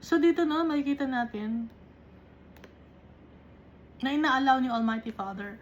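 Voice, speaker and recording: High-voiced woman teaching the Bible. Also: animated, dull audio, a little hiss or hum. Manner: reads verses slowly then explains them; often adds tag questions.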